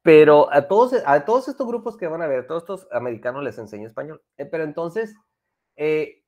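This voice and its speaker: Lively bilingual teacher. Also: male voice, a little high, brisk, lo-fi sound. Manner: lively, mixes Spanish and English, coaxing students. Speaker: English teacher. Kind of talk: online class for children.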